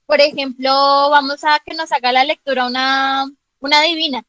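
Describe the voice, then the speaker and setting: A woman's voice: high-pitched, steady tone, moderate pace, a bit bright, dry recording, rough recording. A woman teacher explaining grammar in an online class, patiently checking understanding with frequent questions and calling on students by name. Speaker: English teacher.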